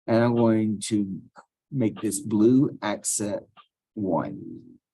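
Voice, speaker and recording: Drawing out his words in a fairly low, dark, husky voice, a male teacher records his screen for a software tutorial. He casually talks through the computer task step by step, clicking as he goes.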